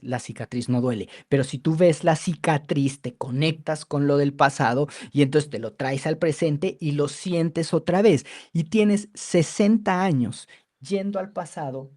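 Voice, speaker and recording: A man's voice: on the high side, darkish tone, dry recording, studio quality. A man working as a therapist, talking emphatically and repeating phrases for stress in a conversational interview. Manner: acts out clients' voices mockingly. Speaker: biodecoding therapist.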